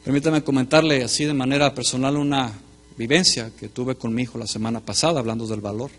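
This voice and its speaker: A middle-aged male pastor giving a sermon, speaking straight to his congregation and swinging between forceful and quiet delivery. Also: medium pitch, steady tone, fast talker. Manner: emphatic preaching that swings between loud and soft.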